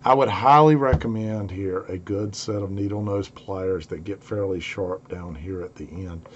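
A middle-aged man, hoarse and raspy with a cold, giving a casual, folksy instructional talk to camera from a home basement workshop. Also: low voice, moderate pace, muffled recording. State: congested and hoarse from a two-week cold and sore throat. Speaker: host of an electronics build tutorial. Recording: clearly noisy home workshop recording.

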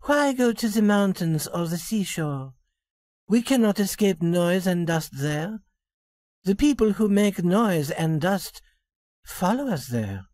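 A woman voicing a young working woman who poses as a rich lady in a storybook reading, speaking softly and politely. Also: on the low side, lively intonation, slow, dry recording, clean studio sound. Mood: refined. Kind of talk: storybook reading for English learners.

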